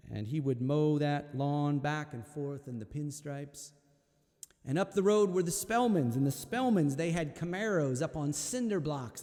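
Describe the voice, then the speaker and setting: Man telling a slow, hushed story. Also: fairly high pitch, in a large hall. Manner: slow, hushed, reflective telling with halting repeats. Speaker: folk singer telling a story between songs. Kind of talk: spoken storytelling at a live-streamed concert.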